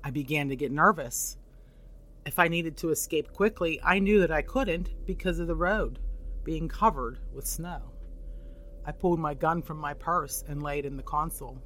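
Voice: medium pitch, normal speed, fairly bright tone, a little hiss or hum. A show host reading scripted true stories of the paranormal as a narrator.

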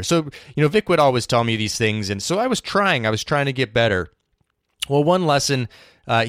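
Low-voiced man hosting a jazz podcast. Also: dry recording, studio quality. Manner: relaxed, thoughtful, with frequent fillers. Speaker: podcast host, jazz educator. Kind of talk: casual storytelling monologue.

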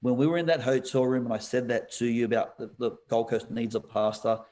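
A man, a pastor, recounts a story in a podcast interview. He talks in a lively, animated way, laughs often and calls the listener "bro." His voice sits in a middle pitch. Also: brisk.

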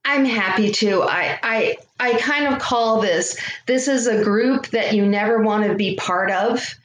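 A woman's voice: a little high, a bit bright. A middle-aged woman from Connecticut tells her personal story as an interview guest, in a reflective, heartfelt way, and her voice carries a heavy echo. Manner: reflective and heartfelt, with many pauses. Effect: heavy echo around the voice. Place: echoey room. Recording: echoey room, faint noise.

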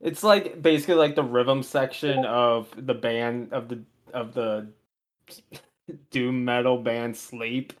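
A man with a mid-pitched voice speaks very slowly in casual podcast chat. He hesitates often and talks playfully. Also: fairly even intonation.

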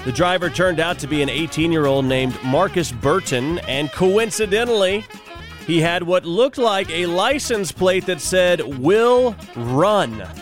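A man hosting a morning radio show in upbeat, folksy, exclamatory patter. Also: fairly high pitch. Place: radio studio.

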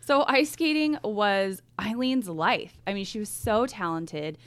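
A woman's voice: mid-range voice, unhurried, clear, resonant tone, no room sound. A woman co-hosting a true crime podcast, telling the story conversationally with informal emphasis, speaking straight to listeners.

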